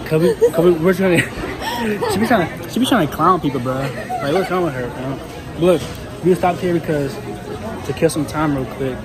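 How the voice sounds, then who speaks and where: A man's voice: on the high side, sing-song, moderate pace, over a noisy crowd. A young man talking casually to viewers in a slangy, laid-back way, filming himself on a phone held at arm's length, first in a car and then in a store. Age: young adult. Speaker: vlogger. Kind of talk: casual vlog chat. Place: car at night, then a big bright store. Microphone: handheld phone at arm's length.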